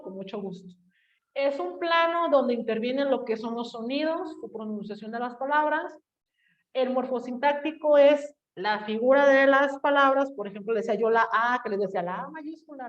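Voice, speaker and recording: Mexican woman teacher in an echoey room. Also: on the high side. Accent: Mexican, from Jalisco. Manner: chatty, addresses students directly with tag questions. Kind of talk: classroom lecture. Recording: echoey room, voice from a distance, dull lo-fi sound.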